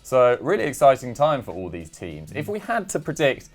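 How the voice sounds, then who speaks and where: A man's voice: mid-range voice, wildly swooping pitch, normal speed. A young man hosting a casual football chat show, reeling off stats in a chatty, self-deprecating way. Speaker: football podcast host.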